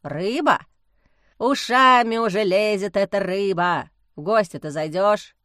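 A short, homely male house spirit from a fairy-tale audiobook, voiced by a woman. He mutters gruffly and plainly. The recording is close and dry. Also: medium pitch, measured pace, a bit bright, dry recording, close to an everyday voice.

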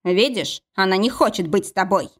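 A woman voicing a calm, confident young man who speaks evenly. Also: mid-range voice, moderate pace, close to an everyday voice. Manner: calm and even.

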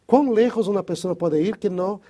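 Guy, fairly high for a man, hesitant bible chat, warm and husky. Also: brisk. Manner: hesitant, restarts often, thinks aloud. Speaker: Bible study co-host. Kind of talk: casual religious discussion.

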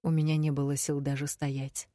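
A woman reading a first-person fantasy audiobook, measured and emotive. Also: low voice, flat delivery, mellow, no echo, studio quality. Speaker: audiobook narrator.

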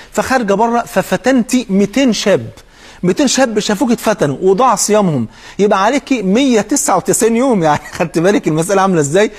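A man's voice: high-pitched, breathy edge. A man preaching a sermon with an Egyptian accent. He asks his listener questions directly.

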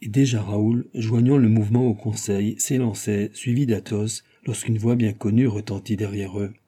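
Husky-voiced man reading a novel aloud. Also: lowish voice, moderate pace. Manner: lively reading, raising his voice for shouted lines. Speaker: audiobook reader. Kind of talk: scripted narration.

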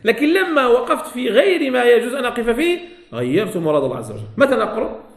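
Male Moroccan Quran teacher, high-pitched, lesson recorded in a reverberant room. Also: very animated, rapid-fire, creaky. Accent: Moroccan Arabic. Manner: repeats key phrases, asks students questions. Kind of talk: religious lesson explanation. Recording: echoey room.

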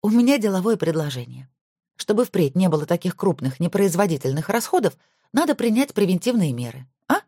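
A woman voicing a sly young woman dancer in an audiobook, coaxing and breathy. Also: fairly low pitch, sing-song, a little fast, mellow, no echo, studio quality, voice pushed up, exaggerated voice.

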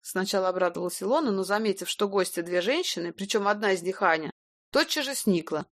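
A woman narrates a first-person detective novel in a brisk, wry, even manner. Her voice sits at a middle pitch. The studio recording is dry and close. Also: no room sound. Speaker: audiobook narrator.

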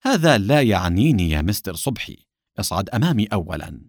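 A man voicing a calm, sarcastic male secret agent in an audiobook. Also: on the low side, fast talker, no echo, clean studio sound.

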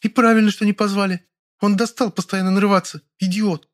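A man's voice: high-pitched, level tone, racing, no echo, studio quality, voice pushed up, close to an everyday voice. A man voicing a capricious, sulky young woman who whines and pouts, then purrs coyly. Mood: angry. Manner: whiny and pouting, turns to a purring wheedle.

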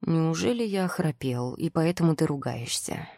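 A woman playing a sleepy, teasing young male warlock husband who speaks low, muffled and warm. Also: normal speed, no echo, clean studio sound. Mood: drowsy, teasing.

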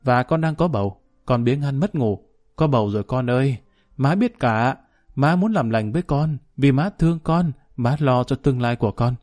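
A cold, blunt mother, as a male narrator reads her, laying things out in a dry, even voice. The tone is mellow and mid-pitched, nearly the storyteller's own. She never rises to meet the drama. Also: normal speed, lightly acted. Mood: cold steady. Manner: flat, even, dry delivery. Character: cold, blunt middle-aged mother, calm and unyielding.

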